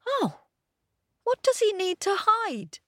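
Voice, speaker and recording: A tiny, excitable little watchdog with a very high, squeaky, breathless voice. She rushes and repeats herself in a springy, animated sing-song. The storybook sound is close and dry. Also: dry recording, exaggerated voice. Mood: anxious, excited. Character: small excitable young female watchdog.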